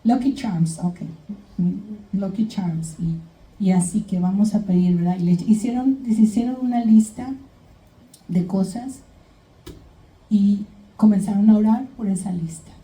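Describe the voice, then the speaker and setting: A woman's voice: medium pitch, unhurried, dark tone. A woman preaching a sermon to her congregation, retelling Bible stories and often checking in with her listeners as she goes. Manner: addresses congregation as brothers and sisters. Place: church. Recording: echoey church hall, mic at a distance.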